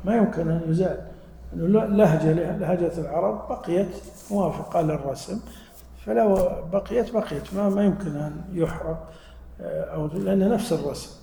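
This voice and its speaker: A man's voice: high-pitched, brisk, gravelly, dark tone, slight background noise. A man teaching a religious lesson to a live audience, explaining patiently and quizzing listeners with questions. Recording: echoey hall with long reverb.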